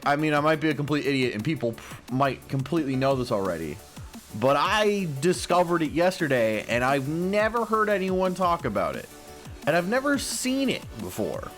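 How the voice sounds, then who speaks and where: A man's voice: medium pitch, fairly bright tone. A man giving casual, rambling gameplay commentary with a self-deprecating streak, his voice cracking in the morning. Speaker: gaming YouTuber. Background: faint music stream.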